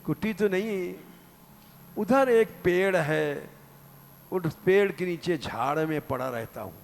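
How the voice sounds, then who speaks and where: A man's voice: sits high, animated, takes it slowly, creaky, a little hiss or hum, full character voice. A man voicing an old injured ascetic who speaks meekly and wearily. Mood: weary. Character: old injured male ascetic, meek and devoted.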